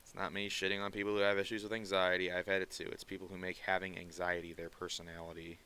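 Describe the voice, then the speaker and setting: A streaming artist chats casually with viewers as he draws, rambling with quick asides and muttering while he works. His deep, nasal voice sounds sarcastic by default, with a completely flat delivery and a pushed, bright, clear, resonant tone.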